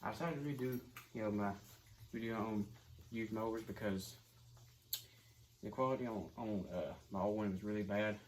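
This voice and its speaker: A young man giving a casual how-to to camera, halting as he searches for words. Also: fairly low pitch. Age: young adult. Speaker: video host. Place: garage, phone on tripod a few feet away. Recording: clearly noisy garage phone recording.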